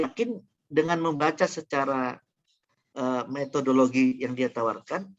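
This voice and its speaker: A man with a fairly high voice lecturing a class, working through examples and often stopping to restart his sentences. The sound is dull and lo-fi, as if from a classroom recording. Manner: explains through examples with frequent fillers and restarts. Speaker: university lecturer. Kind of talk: classroom lecture on Quran interpretation.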